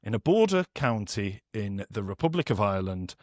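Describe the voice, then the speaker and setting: A man's voice: lowish voice, big pitch swings, moderate pace, a little mellow, no echo, studio quality. A middle-aged man, hosting a podcast and telling jokey stories with a laugh. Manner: jokey storytelling, laughs at his own stories. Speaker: podcast host. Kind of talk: casual chat.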